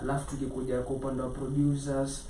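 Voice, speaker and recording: A Kenyan man answers interview questions conversationally, moving between English and Swahili. His delivery is level and soft-edged, heard from a little way off in an echoing room. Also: mid-range voice, monotone, quick pace. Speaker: music group member, interview guest. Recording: echoey room, distant mic, faint noise.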